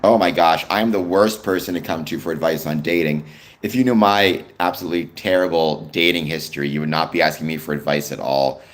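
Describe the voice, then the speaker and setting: A young Canadian man with a Canadian accent and a rumbling low voice hosts a live stream, chatting easily at a brisk pace. He answers viewers' comments, saying "um" often.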